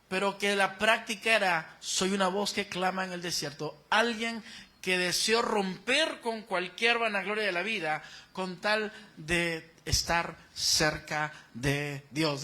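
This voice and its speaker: A man preaching a sermon as pastor, animated and calling the congregation to repeat phrases after him. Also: sits high.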